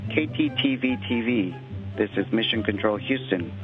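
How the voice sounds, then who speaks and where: A man's voice: lowish voice, normal speed, music in the background. Man calling over a crackly space radio link. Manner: clipped, procedural radio calls. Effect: crackly space radio comm link. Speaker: mission control communicator. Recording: tinny narrow-band radio link, distant.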